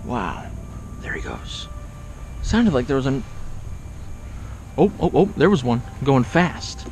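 This young man's voice has a darkish tone and swings hugely in pitch as he talks slowly, reacting in breathless, awed exclamations that often shoot upward. He was born in Kansas, raised in Oklahoma, and is vlogging outdoors from a kayak on the open sea through a kayak-mounted action camera. A little hiss or hum sits under the excited commentary.

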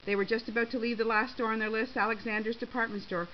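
A woman reading a short story aloud in a lively, expressive way. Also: on the high side, fast talker. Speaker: reader. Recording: slightly dull with faint hiss.

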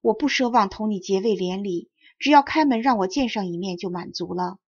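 A woman's voice: medium pitch, a little fast, husky, no echo, lightly acted. A woman reading the lines of an ardent young male scholar, pleading and earnest, in a dull lo-fi recording.

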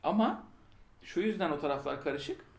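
A man's voice: on the high side, very animated, normal speed, gravelly. A man co-hosting a casual film discussion, rambling and opinionated with jokes. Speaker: podcast co-host. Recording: echoey room.

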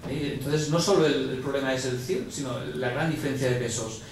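A man's voice: mid-range voice, steady tone, brisk, a little hiss or hum. A man giving a medical conference lecture, explaining slides and often repeating words as he thinks. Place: large lecture hall. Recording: echoey hall from far off.

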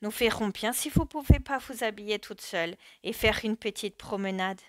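A woman reading the part of a rough, violent Prussian army officer, giving curt and commanding orders in a raised voice. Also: medium pitch, normal speed, no room sound, studio quality, lightly acted. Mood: harsh, commanding.

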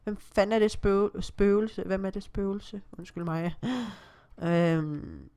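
A woman's voice: mid-range voice, dark tone, smooth. A woman with a Danish accent, chatting casually through her own gameplay as a Let's Play host, reading the screen aloud and exclaiming often.

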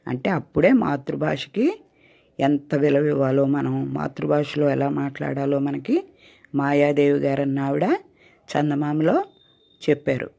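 A woman's voice: sits low, fairly even intonation, a little slow, gravelly. Older grandmother telling a children's tale. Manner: gentle, coaxing, storybook tone. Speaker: grandmother storyteller. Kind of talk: children's storytelling. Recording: dull lo-fi recording.

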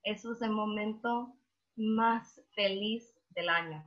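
A woman's voice: mid-range voice, slow pace, muffled recording. A woman teaching Torah, telling an emotional story to a group of women and acting out the voices in it. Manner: emotional storyteller who acts out dialogue.

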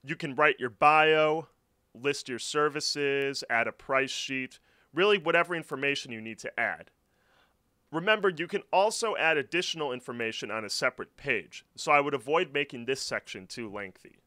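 Bright, lively male tutorial voice. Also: medium pitch, moderate pace. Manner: clear step-by-step instructional. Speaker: tutorial narrator. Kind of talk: scripted screen-recording walkthrough. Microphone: voice-over.

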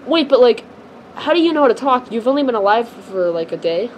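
A girl voicing an excitable older brother who rambles, full of fillers and restarts. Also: a little high, brisk, slight background noise, low-quality recording. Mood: chatty.

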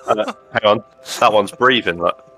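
A man's voice: fairly low pitch, a little slow, pushed and bright, soft background music. A man chatting casually as co-host of a gameplay video. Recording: faint background game noise. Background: video game ambience.

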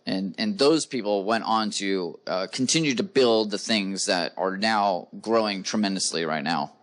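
Holding a handheld mic, a male co-founder explains things in lengthy runs thick with "uh" fillers during an onstage conference interview before a live audience. He has a fairly low pitch and a measured pace.

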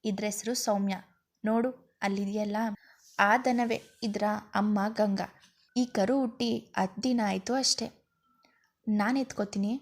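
A woman voicing a gentle young husband who soothes and teases in quick, coaxing speech. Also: medium pitch, steady tone.

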